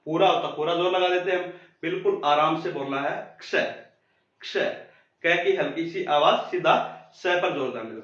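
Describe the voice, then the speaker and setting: A man teaching a pronunciation lesson, repeating each sound slowly and quizzing the listener. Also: fairly high pitch, a bit bright. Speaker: Hindi teacher. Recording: very echoey muffled room.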